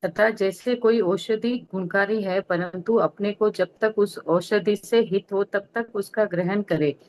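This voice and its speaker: Woman reading a passage out loud, slow and careful, mid voice. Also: medium pitch, poor audio. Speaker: reader. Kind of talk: reading a text aloud.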